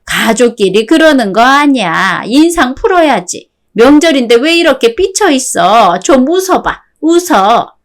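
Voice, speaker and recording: A synthetic woman's voice playing a tipsy older mother-in-law, doting, pushy, chuckling, radio-drama style, somewhat high. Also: very animated, unhurried, few pauses, heavily acted. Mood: coaxing. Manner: chuckling, coaxing, fawns over her son.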